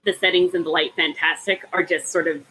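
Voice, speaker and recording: A book-discussion podcast co-host, a woman, argues analytically and at length, peppering it with ums and restarts. She speaks briskly with a lowish, steady, pushed and bright voice that has a breathy edge, in a rough recording.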